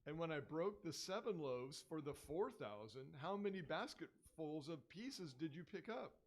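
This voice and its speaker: A man reading a Bible passage aloud to a class, giving the quoted speech expressive inflections. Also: fairly high pitch, normal speed. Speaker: scripture reader in class.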